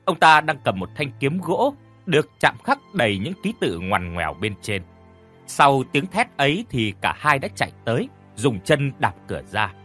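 A male storyteller reads an audio horror story in a measured, expressive way. His voice sits at a middle pitch with lively intonation. Faint music plays underneath. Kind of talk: scripted horror story narration.

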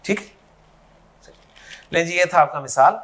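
A man's voice: fairly high pitch, a bit bright. A man teaching Arabic grammar in a classroom lecture, explaining step by step and checking that his students follow.

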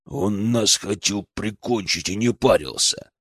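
A man's voice: fairly low pitch, a little slow, a bit bright, breathy edge, no echo, studio quality, pitched below the performer's own voice. Man doing a growling brute of a fighter. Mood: angry. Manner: growling, snarling. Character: hulking hot-tempered male fighter, growling.

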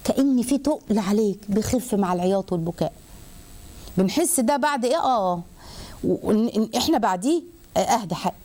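A woman with an Egyptian accent giving a religious lesson to women, lively and animated, asking herself questions as she goes. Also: mid-range voice, a little fast. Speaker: religious teacher.

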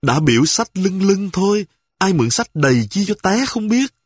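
A woman's voice: mid-range voice, very animated, moderate pace, breathy edge, no room sound, clean studio sound, pitched above the performer's own voice. A man reading aloud and voicing a flustered young wife who fusses and scolds. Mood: fretful scolding. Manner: fussing, exclamatory.

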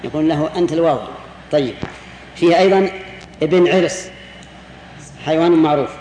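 A man teaches a jurisprudence class as a sheikh, and his voice sits a little on the high side. He explains step by step, repeats his key words and turns questions back to the students. The recording has a long, roomy hall echo and a faint hiss underneath. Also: fairly quick, warm tone.

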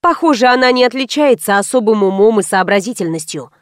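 A woman narrating a first-person detective story in a lively, wry storytelling manner, close to the mic. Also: mid-range voice, fairly quick, no room sound. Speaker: audiobook narrator.

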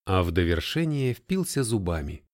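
Expressive male audiobook narrator. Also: deep voice, moderate pace. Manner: expressive storytelling. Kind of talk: scripted narration.

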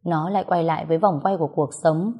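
A woman calmly narrating a love story in a reflective tone. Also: sits low, fast, breathy edge, muffled recording. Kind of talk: scripted narration.

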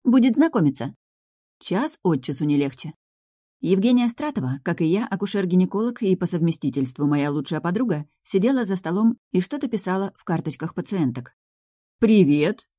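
A woman narrating a first-person novel in an even storytelling manner. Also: lowish voice, brisk, no echo, clean studio sound. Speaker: audiobook narrator.

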